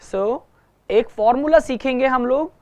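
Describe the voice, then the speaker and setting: Slow-talking patient male guitar teacher. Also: very high voice, highs cut off. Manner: patient, repeats each point and checks understanding. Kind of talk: online music lesson.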